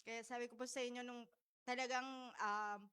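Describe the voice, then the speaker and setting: A woman's voice: a little high, flat delivery, moderate pace, pushed and bright, clear, resonant tone. A woman, sharing a heartfelt message at a church service and often checking in with her listeners. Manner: heartfelt, tag-questioning, tearful in places. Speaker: church speaker.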